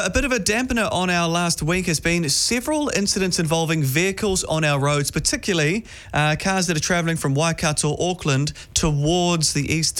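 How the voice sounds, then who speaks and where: Smooth breakfast radio host, a New Zealand man, polished and friendly, pitched a touch high. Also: a bit bright.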